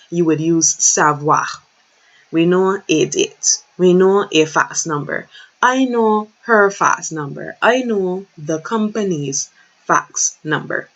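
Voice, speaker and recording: A woman teaching a French lesson online, speaking slowly and patiently and repeating words for learners. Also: lowish voice. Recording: slightly dull lo-fi recording.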